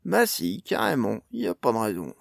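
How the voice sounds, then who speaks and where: A man's voice: lowish voice, wildly swooping pitch, normal speed, vocal fry, no echo, studio quality, heavily acted. A man voicing a cheeky, blunt male gnome with a casual way of talking.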